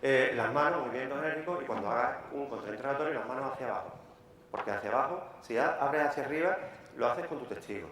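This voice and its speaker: A man with a Peninsular Spanish accent, a lawyer giving a live workshop lecture, talking briskly and repeating key words for emphasis. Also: medium pitch, lively intonation, a bit bright. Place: large conference hall. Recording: echoey hall, faint room noise.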